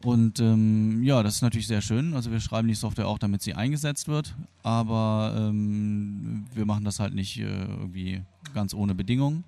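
In a lowish, gravelly voice with a dark tone, this man gives spontaneous, explanatory interview answers. He is a free software developer, Argentine-born and raised in Germany, who speaks informally and with hesitation; the recording has no room sound.

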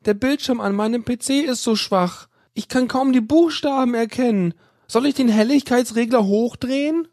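A man's voice: very high voice, normal speed, darkish tone, dry recording, studio quality, pitched above the performer's own voice. A man voicing a flustered, gullible young woman who calls for computer help and alarms easily. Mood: worried.

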